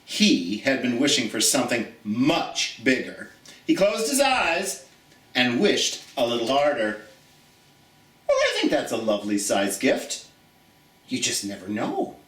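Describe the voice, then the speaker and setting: In an unhurried, medium-pitched voice, this storyteller reads to children with playful theatrics and a homespun, talkative warmth, speaking right to his audience. Echo fills the room, and the mic sits well away from him.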